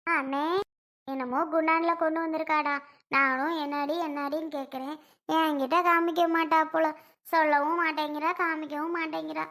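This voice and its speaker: Woman skit performer, high gravelly voice, lively and chatty. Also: moderate pace. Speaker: skit performer voicing several family women. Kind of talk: family skit acting.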